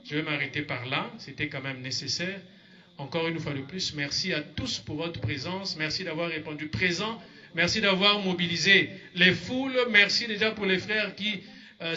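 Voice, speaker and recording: A man hosting a religious youth gathering, giving informal announcements and thanks in short, unhurried phrases. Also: high voice, pushed and bright. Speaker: host of a religious youth forum. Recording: dull live event sound.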